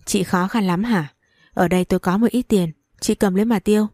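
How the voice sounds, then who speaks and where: A woman's voice: mid-range voice, brisk, no room sound, studio quality, close to an everyday voice. A woman doing a kind, generous man. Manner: gentle, caring.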